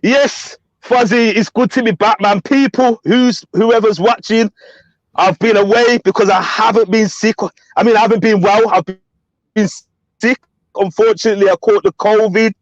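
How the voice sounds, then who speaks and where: Guy on a glitchy call from his car, choppy cutoffs, dry flat sound, keeps asking can you hear me. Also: high-pitched, normal speed, no room sound. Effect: choppy internet call cutting out mid-word. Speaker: guest calling into a fan livestream. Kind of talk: casual chat. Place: inside his parked car. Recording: dull lo-fi dry call audio.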